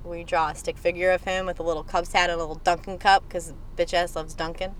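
A woman's voice: on the low side, level tone, fast talker, rough recording. A young woman co-hosting a podcast from inside a car, chatting casually in a joking, profane, rambling way. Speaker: podcast co-host. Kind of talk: casual chat.

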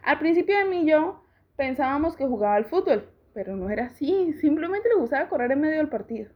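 A woman reading a children's story aloud, slowly and expressively. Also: high voice, sing-song. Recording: dull lo-fi recording.

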